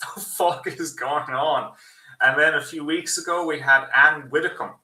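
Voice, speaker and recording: Man with a thin, tinny, bassless voice. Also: steady tone, normal speed, pushed and bright. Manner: rambling, swears often. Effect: thin tinny voice with no bass from the wrong built-in microphone. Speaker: livestream host. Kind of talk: casual livestream commentary. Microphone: built-in PC microphone picked by default. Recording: tinny distant echoey built-in PC microphone.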